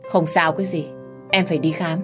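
A man's voice: fairly high pitch, steady tone, fairly quick, fairly bright tone, faint music behind, lightly acted. A woman voicing a protective young man, urgent and commanding as he shields his hurt lover. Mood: angry, commanding.

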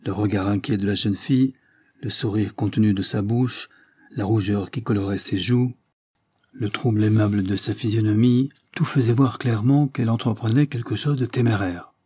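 A man narrating a classic novel in a measured, even storytelling manner. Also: lowish voice, breathy edge. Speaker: audiobook narrator.

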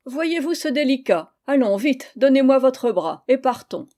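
A woman reading an audiobook voices an elderly aunt who is bossy and merry, calling out brisk commands. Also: a little high, lively intonation, a little mellow, pitched above the performer's own voice. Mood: teasing brisk.

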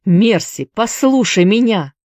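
A woman's voice: medium pitch, animated, moderate pace, a little mellow, no room sound, studio quality, natural voice. A woman voicing a passionate young man who urges his lover to run away with him, insistent and urgent. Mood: urgent pleading.

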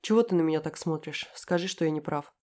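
Woman doing a cold mocking guy, sneers every line, lowish voice, audiobook. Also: quick pace, darkish tone, natural voice. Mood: contemptuous. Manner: sneering, cutting. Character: cold mocking young man, contemptuous. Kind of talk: audiobook character reading.

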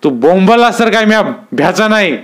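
A man voicing a domineering, brutal village strongman with harsh, bullying shouts, pitched well above his narrating voice. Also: lively intonation, a little fast, clear, resonant tone. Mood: menacing.

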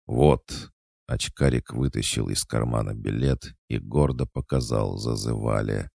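A man narrating a first-person audiobook in an even, steady way, his voice extremely low and gravelly. It sounds dark and mellow, recorded dry and close to the mic. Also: moderate pace, no room sound.

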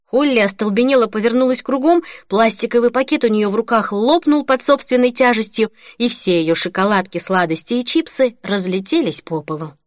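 A woman reading a novel aloud as an audiobook narrator, in an even, measured way. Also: on the high side, dry recording, studio quality. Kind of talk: scripted narration.

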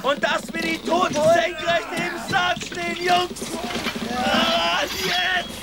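Stubb, a bellowing whaling mate. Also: male voice, very high voice, flat delivery, slow, heavily acted. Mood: urgent. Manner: bellowing commands, gruff. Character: brash shouting whaling mate driving his rowers. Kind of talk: radio drama acting. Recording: loud rowing and water noise.

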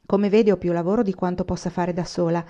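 A woman's voice: lowish voice, steady tone, a little fast, close to an everyday voice. Woman reading as a mild-voiced dressmaker. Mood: gentle. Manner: mild, gentle. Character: tall gentle shop owner woman, mild-voiced.

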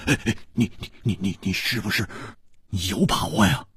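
A man voicing an excitable, hot-tempered male swordsman in a storytelling reading, talking high and stammering. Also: normal speed, husky, no room sound, clean studio sound. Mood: anxious.

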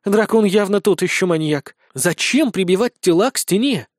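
A man reading a storybook aloud and voicing a loud, bossy young female adventurer with shrill outbursts. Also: expressive, normal speed, no room sound, clean studio sound.

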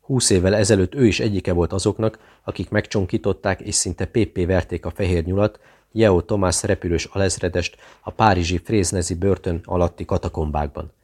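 Low-voiced guy narrating an audiobook, steady measured read. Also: breathy edge.

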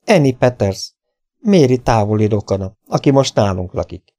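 A man's voice: lowish voice, animated, dark tone. A man voicing a good-humored, teasing male rancher in an audiobook.

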